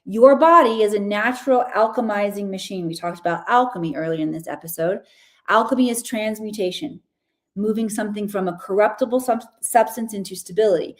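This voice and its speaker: A woman's voice: mid-range voice, brisk. A woman hosting a podcast, giving an enthusiastic, chatty spiritual reading with casual slang. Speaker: podcast host and Akashic reader.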